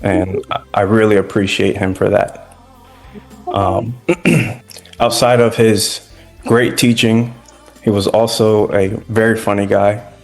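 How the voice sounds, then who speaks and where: A man's voice: fairly low pitch, fairly even intonation, takes it slowly, vocal fry, faint music behind. A young man, a former student, giving an earnest spoken tribute with casual fillers.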